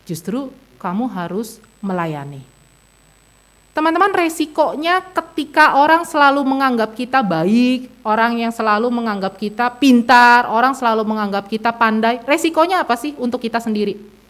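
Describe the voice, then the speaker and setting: Woman pastor, somewhat high-pitched, casual storytelling sermon for a youth service, lots of tag questions. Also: fairly quick. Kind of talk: conversational sermon to a youth congregation. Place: church meeting room.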